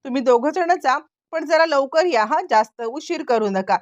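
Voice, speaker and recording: A caring middle-aged mother gently telling her son to come home early, as a woman storyteller puts her on. The voice sits high. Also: moderate pace, no room sound, muffled recording, lightly acted.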